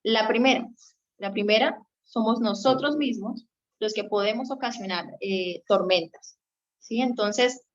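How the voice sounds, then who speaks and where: A young Colombian woman speaks a little slowly in a slightly high voice as a guest on a marriage radio segment. She gives a conversational teaching talk, explaining and checking for agreement along the way, in slightly dull, lo-fi audio.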